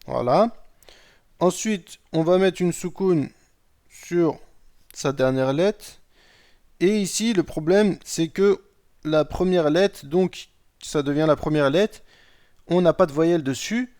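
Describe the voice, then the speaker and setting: A man with a fairly high voice teaches Arabic grammar at an unhurried pace. He reads example sentences aloud and translates them. He walks through each step patiently and keeps checking that his students follow. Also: a little mellow. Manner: patient, explains step by step, often asks "d'accord?". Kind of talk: recorded lesson explaining Arabic grammar.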